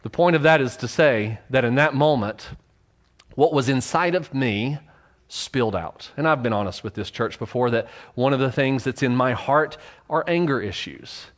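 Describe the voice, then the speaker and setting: A man's voice: mid-range voice, expressive, moderate pace. A pastor preaching in his church, telling a personal story in a candid, self-deprecating way, with frequent fillers and restarts.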